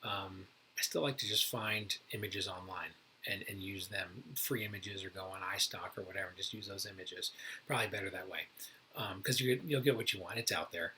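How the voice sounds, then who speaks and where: A man's voice: low-pitched, steady tone, fairly quick, sharp tone, slight background noise, rough recording. A man who hosts a real estate channel, giving a casual, informal how-to talk to other agents in a chatty way, often restarting his sentences. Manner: informal, chatty, self-correcting. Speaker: realtor and channel host.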